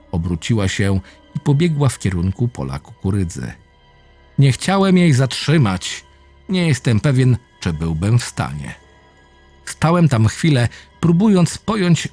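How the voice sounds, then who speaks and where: A man reading a first-person horror story aloud, low and intense with dramatic swings. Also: darkish tone. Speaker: narrator. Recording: faint music behind the voice.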